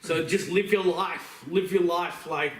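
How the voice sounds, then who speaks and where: Speaking with a fairly high pitch, fairly even intonation, and a measured pace, this man co-hosts a podcast of casual chat about video games and films. He's slangy, opinionated, and jokey, and the distant mic leaves a roomy echo.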